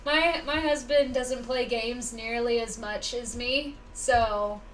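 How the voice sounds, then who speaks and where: Playing a game on a livestream, a young woman talks casually in a fairly high voice. Her intonation is fairly even and her pace slow. Faint background noise and a distant-sounding mic color the recording.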